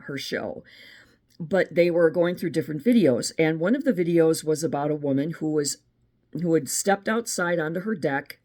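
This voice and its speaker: A woman's voice: low-pitched, a little mellow. A middle-aged American woman hosting her own channel, talking in a chatty, opinionated monologue with frequent restarts. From United States. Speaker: channel host. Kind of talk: casual monologue.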